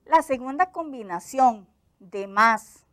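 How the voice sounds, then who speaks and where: A woman teacher from Costa Rica with a Costa Rican accent, giving a clear, explanatory grammar lesson for television. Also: a little high, lively intonation. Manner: slow, clear explanatory delivery.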